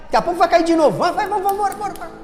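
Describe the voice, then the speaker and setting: A man voicing a fussing, anxious mother who hurries her child along with high, fast repeated urging. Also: lively intonation. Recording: reverberant church hall, faint music.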